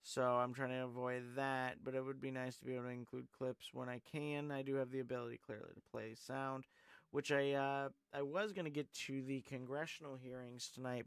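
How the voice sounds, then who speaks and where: A call-in show host runs a live stream, rambling loosely, leaning on lots of fillers and reading viewer comments out loud. His medium-pitched voice is smooth, and the recording is dry.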